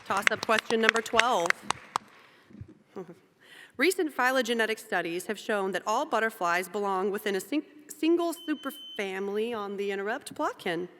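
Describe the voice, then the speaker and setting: A woman's voice: mid-range voice, animated, moderate pace, noisy background. A woman moderating a quiz competition, reading questions aloud and joking between them, in a large event hall. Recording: long hall reverb.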